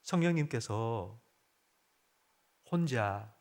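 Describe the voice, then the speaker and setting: A man preaching a sermon as pastor, asking the congregation direct questions and moving between loud urgent appeals and quiet low murmurs. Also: lively intonation, extremely slow.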